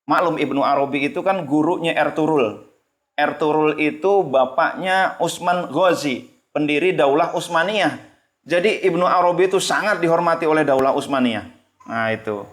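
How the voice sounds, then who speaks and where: A male teacher giving a religious lecture in a casual, colloquial way. He tells stories with energy and acts out each character's voice. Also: fairly high pitch. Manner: lively storytelling, acts out characters. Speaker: Islamic teacher.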